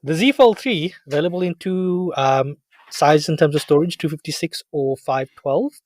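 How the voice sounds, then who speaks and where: A South African man with a fairly high voice talks through gadget pricing in a casual, jokey podcast chat. His voice is recorded dry and close, with no room sound around it. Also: no room sound. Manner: animated, jokey, quick to banter. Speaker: tech podcast host.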